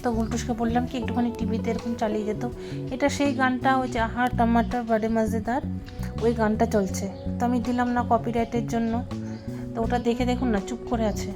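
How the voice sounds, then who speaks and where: Brief: young woman, casual home vlogger, raised pitch, music bed underneath. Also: fairly even intonation, fast. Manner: chatty, talks softly at times. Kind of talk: casual vlog narration.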